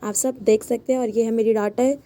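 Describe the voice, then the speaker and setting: A woman's voice: a little high, fairly even intonation, brisk, mellow. A young woman narrating a casual travel vlog, chatty and repeating set phrases as she goes. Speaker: vlogger.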